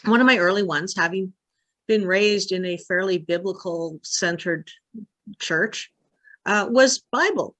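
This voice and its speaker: Animated conversational woman minister preaching. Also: medium pitch. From Canada. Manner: conversational, animated, acts out quoted voices. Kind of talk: sermon. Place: church or online service.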